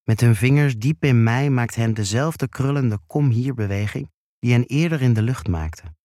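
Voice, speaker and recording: A man reading a first-person erotic story aloud in a slow, hushed, intimate way. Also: medium pitch, no room sound, studio quality. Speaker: narrator.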